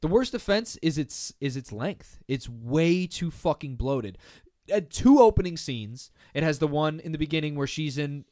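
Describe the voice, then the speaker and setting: A man's voice: on the high side, expressive, moderate pace, dark tone. A man in casual chat about a movie, rambling, swearing and mimicking characters.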